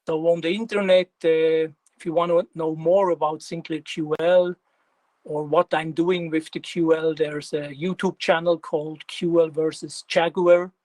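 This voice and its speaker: Speaking with a Swiss German accent, a man from Switzerland in his fifties delivers a technical talk slowly, with frequent pauses and filler words. His pitch sits fairly high and his tone is darkish, captured in a dry, rough recording.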